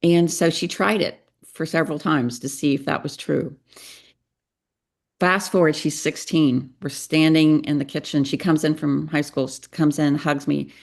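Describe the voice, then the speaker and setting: Low, gravelly middle-aged woman. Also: fairly even intonation, a little slow, a little mellow. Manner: earnest, confessional, acts out dialogue. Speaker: guest, psychotherapist and parenting coach. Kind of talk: conversational podcast storytelling.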